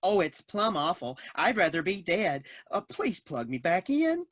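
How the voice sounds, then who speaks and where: A woman's voice: fairly low pitch, sing-song, measured pace, dry recording, clean studio sound. A woman voicing a fretful male cop trapped in a machine, with a put-on Canadian accent and a folksy manner. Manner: folksy, fretful, says "eh" and "golly".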